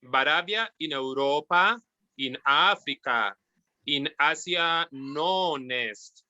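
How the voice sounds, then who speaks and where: A male student reading a dialogue aloud very slowly, each word placed with care. His voice is sharp and bright, and comes through a dull, dry home mic. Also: on the high side, no room sound. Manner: slow, careful reading.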